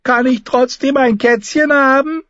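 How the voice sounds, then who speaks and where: A man reading an audiobook, voicing a petulant, demanding boy king in a high, whiny voice. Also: lively intonation, normal speed, no room sound, lo-fi sound. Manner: whiny, insistent, pitched up high.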